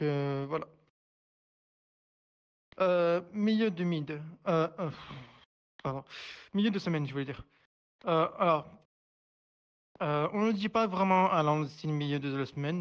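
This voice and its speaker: A man leads a live online sign language class, speaking slowly in a slightly raised voice. He hesitates constantly, fills gaps with little sounds and restarts his phrases. He repeats each word patiently as he demonstrates the sign. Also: on the high side. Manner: hesitant, many fillers and restarts.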